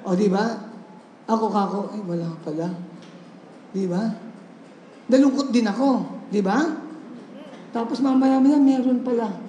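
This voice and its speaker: A man, a pastor, preaching a sermon with animated storytelling, mixing in English phrases and laughing often. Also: very high voice, unhurried, pauses often. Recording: echoey hall with faint background noise.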